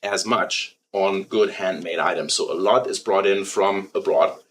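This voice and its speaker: A man from Germany with a German accent, a company president talking casually in an interview, relaxed and halting with many fillers. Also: low-pitched, slight background noise.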